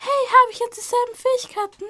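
A woman's voice: very high voice, steady tone, fast, pushed and bright. A teenage girl voicing an eager female interviewer from a fantasy research institute in a school radio play. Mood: dismayed. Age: teens.

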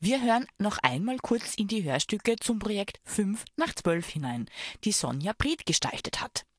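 A woman's voice: mid-range voice, big pitch swings, normal speed, no room sound, studio quality. A woman hosting an interview, putting questions and introducing segments. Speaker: radio interview host. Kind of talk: interview moderation.

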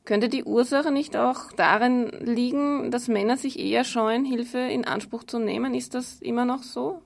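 A woman interviewer, asking measured, articulate questions on the radio. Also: on the high side, steady tone, vocal fry.

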